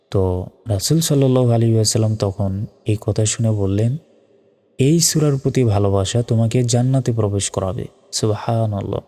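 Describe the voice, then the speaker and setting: A man with a Bangladeshi Bengali accent teaching Quran pronunciation, spelling out each word letter by letter and chanting it slowly. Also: fairly low pitch, warm tone. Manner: spells words letter by letter, drawn-out chanted recitation. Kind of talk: spoken lesson on Quran pronunciation. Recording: long reverb with faint music.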